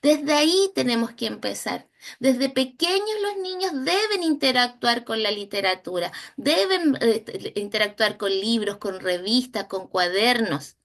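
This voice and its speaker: Chilean woman, instructor, slow teaching pace, bright voice, sounds out syllables. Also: on the high side, lively intonation. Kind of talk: recorded training lesson.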